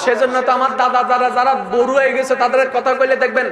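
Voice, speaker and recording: Preacher guy shouting a sermon, really high voice, echoey with a loud crowd behind. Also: completely flat delivery, fast. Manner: chanting, calls to crowd, shouts.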